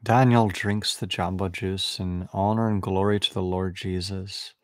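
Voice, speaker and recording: A man's voice: sits low, fairly even intonation, dry recording, clean studio sound. A man giving a meditative spiritual talk, repeating short affirming phrases over and over. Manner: slow, repetitive, affirming phrases. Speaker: spiritual teacher.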